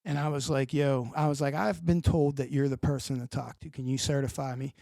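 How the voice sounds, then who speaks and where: Gravelly, profane storyteller man. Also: medium pitch, brisk, dry recording. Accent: Pittsburgh. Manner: profane, animated storyteller acting out scenes. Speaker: podcast guest. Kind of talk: casual storytelling.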